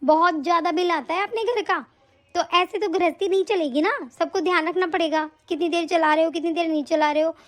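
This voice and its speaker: Cartoon sister-in-law, sharp-tongued and nagging, very high-pitched, voiced by a woman. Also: fairly even intonation, fairly quick. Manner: nagging, sarcastic taunts. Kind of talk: animated story voice acting.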